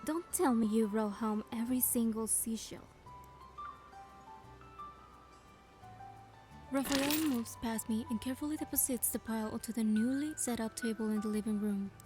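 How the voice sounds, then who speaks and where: This is a female performer as the first-person heroine of a romance game, sounding close to her everyday voice. It's high-ish and very mellow, delivered gently and at a measured pace over quiet background music.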